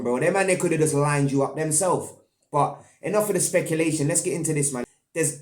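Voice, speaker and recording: A young man with a London roadman accent giving casual commentary as an online host, in heavy street slang peppered with tag questions. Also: a little high. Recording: echoey, roomy sound.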